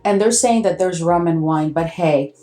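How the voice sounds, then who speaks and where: A woman vlogger chatting casually to her viewers, gushing and excitable, calling them guys and repeating words for emphasis. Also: lowish voice, moderate pace. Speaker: perfume vlogger. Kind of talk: casual chat to camera.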